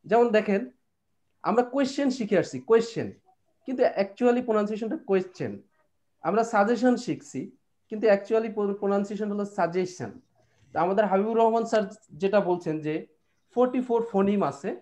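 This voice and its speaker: A man from Bangladesh, an English lecturer, giving a speech at a school parents' meeting, slow and halting in English with many "uh"s and quicker in his own language. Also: high voice, a little mellow.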